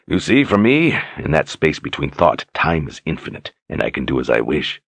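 A man voicing a menacing, brutish male tyrant with a deep, grating voice, taunting his captives slowly and with mocking calm. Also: breathy edge, dry recording, exaggerated voice. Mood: mocking menace. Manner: mocking, taunting, slow and deliberate.

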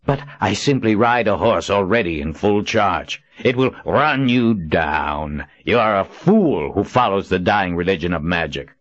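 A man voicing a cruel, smug emperor with a grating, impudent voice and a slow, smirking, condescending delivery. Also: low-pitched, lively intonation, dull audio. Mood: contemptuous. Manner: smirking, condescending, drawn-out words. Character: cruel, smug male emperor who mocks his captor.

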